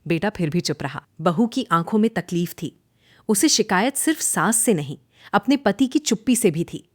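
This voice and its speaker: A woman narrates a cartoon story in a dramatic way, her pitch rising and falling a great deal. The recording is close and dry, with no room sound. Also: lively intonation, normal speed, dry recording.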